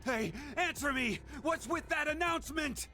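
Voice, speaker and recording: A man's voice: very high-pitched, moderate pace, bright, forceful tone, faint music behind, heavily acted. A man playing an indignant, agitated young man in a video game, speaking emphatically in protest. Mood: angry demand.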